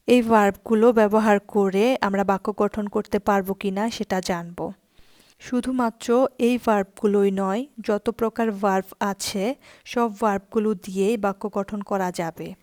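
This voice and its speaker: A woman's voice: medium pitch, a little mellow, no room sound. Female language teacher, patient and methodical, drags out each example phrase, dry close recording. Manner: spells out foreign words slowly, then repeats them. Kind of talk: slow explanatory lesson.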